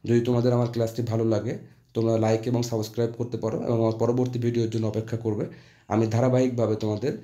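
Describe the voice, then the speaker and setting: A man teaching an English grammar lesson to students, moving between Bengali and English as he reads sentences slowly and explains them. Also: mid-range voice, little pitch movement, mellow.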